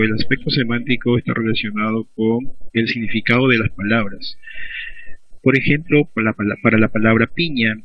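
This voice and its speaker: A man's voice: mid-range voice, a little hiss or hum. A man with a Peruvian accent, a school teacher giving a recorded class lecture, who explains by asking and answering his own questions. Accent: Peruvian Spanish. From Peru. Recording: dull lo-fi recording.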